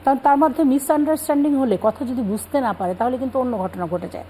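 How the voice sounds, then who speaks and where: A woman speaking as a guest on a religious talk show, calmly explaining scripture and manners. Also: high-pitched, fast, a little hiss or hum, low-quality recording. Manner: calm explanatory, cites scripture.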